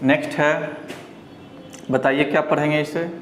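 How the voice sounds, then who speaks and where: An Indian man from Bihar teaching English pronunciation, slowly repeating each word several times and drawing out the model words. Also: on the high side, steady tone. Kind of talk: pronunciation lesson. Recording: roomy echo, faint background hiss.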